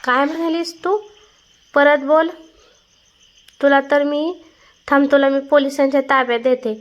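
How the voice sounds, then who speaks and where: A woman reading a story aloud and voicing an angry older mother who shouts accusations. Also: sits high, flat delivery, unhurried, highs cut off. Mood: furious.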